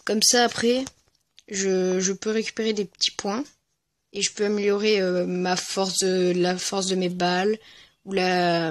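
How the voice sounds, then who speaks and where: Hesitant male gamer narrating his play. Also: high voice. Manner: hesitant, halting with fillers and restarts. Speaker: gaming video host. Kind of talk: casual gameplay commentary.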